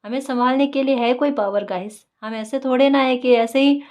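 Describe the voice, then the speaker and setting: A woman with a slightly raised pitch talks her listeners through a tarot reading in an easy, conversational way. She coaxes and encourages them, keeps checking in with "right?", and repeats her main points to drive them home. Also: fairly even intonation, normal speed, darkish tone. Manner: encouraging, repeats key phrases. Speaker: tarot reader. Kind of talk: casual spiritual guidance talk.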